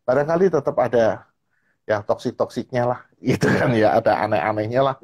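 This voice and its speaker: Male guest, husky voice, animated storyteller on a live-stream chat. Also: mid-range voice, brisk. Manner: animated storytelling, repeats "gitu kan ya". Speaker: guest speaker. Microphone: live-stream call. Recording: online live-stream audio.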